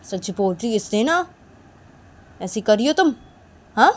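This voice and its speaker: A woman voicing a suspicious young woman who nags and accuses in a low, quiet voice, ending her sentences with a questioning "haan?". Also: very animated, a little slow. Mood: stubborn. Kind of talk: one-woman voiced romance story.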